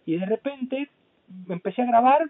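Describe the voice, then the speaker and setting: A man hosting a podcast, talking in a blunt, profane, animated way. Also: extremely high pitch, normal speed. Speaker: podcast host. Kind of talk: casual podcast chat. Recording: tinny phone-like sound.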